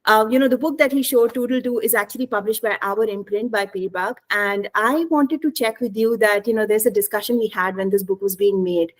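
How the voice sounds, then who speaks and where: A woman's voice: medium pitch, a little fast, few pauses. A woman hosting an online author panel as publisher, asking questions in a casual, filler-heavy way over a video call.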